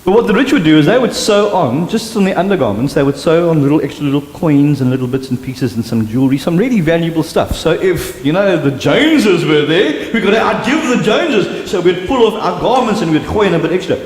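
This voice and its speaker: A South African man preaching in a church sanctuary, his fairly high voice ringing out with long reverb around the room. He tells stories with lively gusto, acts out sounds and gossiping voices, then sinks to a hush to drive a point home. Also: fast talker, hardly any pauses. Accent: South African English. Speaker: pastor. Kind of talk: sermon.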